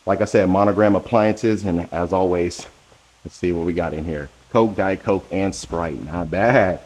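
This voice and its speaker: A man's voice: low voice, unhurried, a little mellow. A man hosting a walkthrough tour of a new model home, talking straight to the viewer in an enthusiastic, salesy way while he walks from room to room with a handheld camera. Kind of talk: walkthrough house tour narration.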